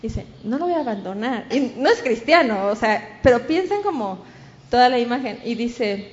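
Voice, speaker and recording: A woman's voice: a little high, lively intonation, normal speed, muffled recording. A woman with a Mexican accent preaching a sermon, telling a story and acting out the voices of the people in it.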